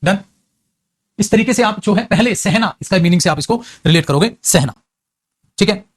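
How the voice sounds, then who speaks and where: An English teacher with an Indian accent, coaxing students and slowly repeating example sentences. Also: male voice, sits high, expressive, slightly rough. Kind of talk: classroom lesson.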